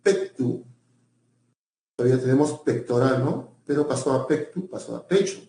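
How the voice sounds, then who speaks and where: A man's voice: medium pitch, fairly quick, vocal fry, dark tone, echoey room, slight background noise. A male teacher giving a pre-university language lecture, often repeating himself and checking in with his students.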